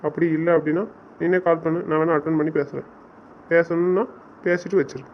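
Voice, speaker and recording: Actor for a coaxing young man, fast and pleading, faint hiss behind. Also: fairly high pitch, fairly even intonation, natural voice. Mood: frustrated. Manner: coaxing, reasoning, exasperated. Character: patient young man, exasperated fiancé on phone. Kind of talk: audio drama acting. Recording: dull lo-fi sound with faint noise.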